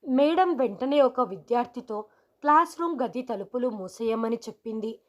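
A woman reading a scripted first-person story in a steady, measured way. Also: on the high side.

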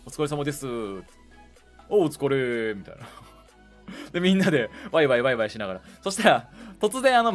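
A male streamer casually recounting a story, animated and playing other people's lines in a higher voice.

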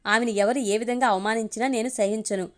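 Storybook figure: a firm, grave older mother, read by a woman, measured delivery. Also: a little high, steady tone, natural voice.

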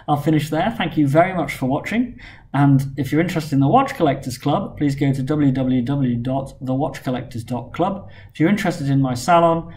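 A man in his thirties, a company founder, records his weekly vlog to camera in a room at home lined with bookshelves. His medium-pitched, mellow voice carries a little hiss or hum, and though worn out from a long illness, he talks steadily, earnestly, and plainly, with frequent "uh" fillers.

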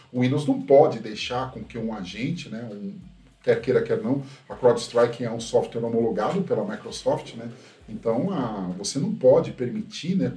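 Mellow man in a roomy echo. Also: medium pitch. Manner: critical, tags sentences with a questioning "right?". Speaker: host, tech commentator. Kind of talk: casual opinion commentary. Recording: roomy echo from a distant mic.

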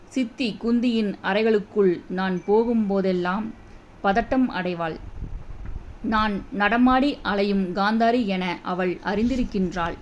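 A woman reads a literary novel aloud in the first person, very slowly and solemnly. Her pitch sits in a middle range. The recording sounds a little muffled, with a faint background hiss. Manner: solemn, reflective, unhurried reading. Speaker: audiobook reader. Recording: dull audio, faint background noise.

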